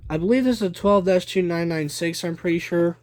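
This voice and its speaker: A young adult man with a slightly high voice presents his collection in a casual show-and-tell, speaking in short, deliberate phrases. He films in a small room at home on a handheld phone held behind the camera, and the recording has faint noise plus clicking.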